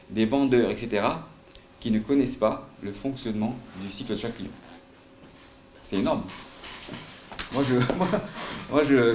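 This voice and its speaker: Recorded in a roomy conference hall with faint noise, a middle-aged man with a light southern French accent gives a live sales talk. He's hesitant, uses plenty of fillers and asks the audience questions, in a mid-range, a little mellow voice.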